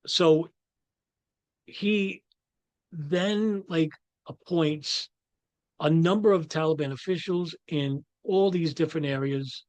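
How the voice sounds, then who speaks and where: A man with a New York accent talks through his thoughts in a loose, rambling monologue, often stopping and restarting mid-phrase. His voice sits a little high for a man. It is recorded close and dry, with no room sound. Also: slow, long pauses, darkish tone, dry recording. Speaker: commentator. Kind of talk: casual monologue.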